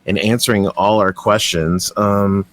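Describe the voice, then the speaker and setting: In a casual interview, this young Canadian podcast host talks a little slowly in a fairly low, steady voice with a bit of brightness. He comes across as enthusiastic and rambling, with frequent restarts.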